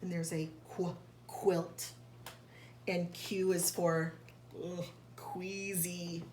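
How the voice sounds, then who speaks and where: A teacher reads a picture book aloud to young children, slowly and didactically, stopping for brief explanations and carefully sounding out key words. Her medium-pitched, darkish voice has a flat delivery. The room is echoey, with faint background noise.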